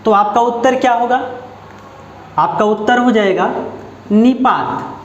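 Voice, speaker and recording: Slow, high-voiced Hindi grammar teacher. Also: male voice, highs cut off. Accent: Hindi, from Uttar Pradesh. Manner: slow and deliberate, repeating phrases and checking understanding. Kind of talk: classroom lesson. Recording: echoey room with faint background noise.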